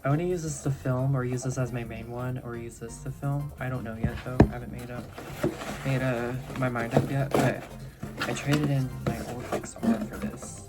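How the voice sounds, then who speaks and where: A young woman vlogging casually, hoarse and coughing, rambling excitedly and swearing freely. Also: very deep voice, normal speed. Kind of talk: casual vlog talk. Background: background music.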